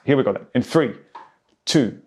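Speaking at normal speed with an animated, mid-range voice and a darkish tone, a man leads an indoor rowing session. He rambles chattily through pace targets and technique, explaining things in a self-aware way.

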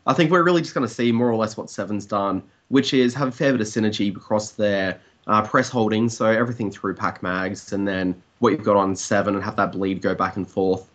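Fast-talking low-voiced Australian man. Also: fairly even intonation, a bit bright, highs cut off. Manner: conversational, opinionated, hedging with "I mean". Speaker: TV industry commentator, blogger. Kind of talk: casual discussion.

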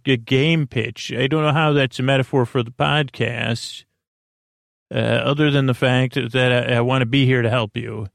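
A podcast host with a creaky, gravelly, medium-pitched voice rambles through a bedtime show, addressing the listener directly in halting, looping sentences that often double back. The recording is close, very dry, with no echo.

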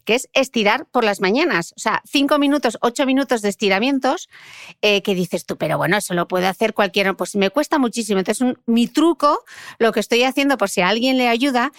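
A woman's voice: a little high, no echo, studio quality. A woman hosting a podcast interview, chatty and personal, often ending points with "¿no?". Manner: chatty, personal anecdotes, tag questions "¿no?". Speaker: podcast host. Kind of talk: conversational interview.

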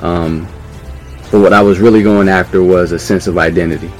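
Deep-voiced man telling a lively story. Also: fairly quick, soft background music. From New York. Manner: animated, acts out quoted voices, laughs mid-story. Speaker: podcast guest. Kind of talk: casual storytelling.

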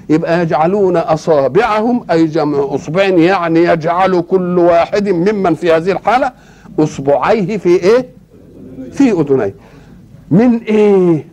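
Older Egyptian preacher, high-pitched voice. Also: male voice, a little mellow. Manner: explanatory, asks rhetorical questions and answers them. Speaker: Quranic exegete. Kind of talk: religious lesson, Quran commentary.

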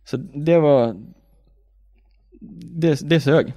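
A man's voice: a little high, dry recording, studio quality. A man in casual chat, telling his racing story animatedly, acting out his own reactions and swearing freely. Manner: animated, acts out his own past reactions with shouts and laughter; swears freely, says "liksom" and "jag bara" often. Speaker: racing driver guest.

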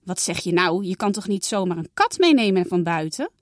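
Woman reading a calm, firm mom. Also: on the low side, fairly quick, dry recording, clean studio sound. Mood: motherly. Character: kind, firm mother of two girls.

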